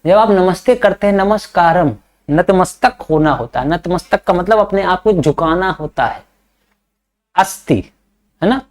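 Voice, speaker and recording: A male teacher giving a Hindi-medium English lesson. He reads English lines slowly and then explains them in chatty Hindi, with fatherly, scolding asides to his students. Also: high voice, expressive.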